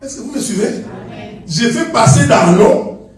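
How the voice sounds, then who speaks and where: Male preacher, high lively voice, keeps checking in with the congregation; recorded from afar in a roomy hall. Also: unhurried. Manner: animated, calls out to congregation for responses. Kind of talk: sermon. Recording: echoey hall, mic at a distance.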